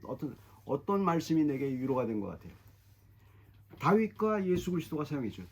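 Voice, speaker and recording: Husky, lively Korean pastor preaching. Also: male voice, on the high side. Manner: animated, emphatic, repeats phrases. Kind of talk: expository sermon.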